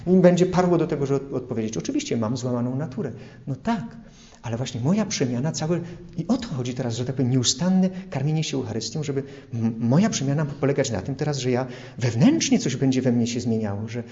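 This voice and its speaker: A man's voice: mid-range voice, lively intonation, quick pace, dark tone, muffled recording. A man preaching an earnest sermon, illustrating his points with everyday examples. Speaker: priest.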